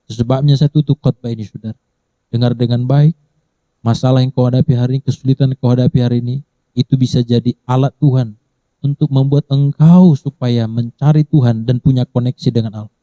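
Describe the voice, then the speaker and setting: A pastor preaching a sermon in church, dramatically acting out the quoted voices. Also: male voice, warm tone, dry recording, muffled recording. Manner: dramatic, acts out the quoted voices with big pitch jumps.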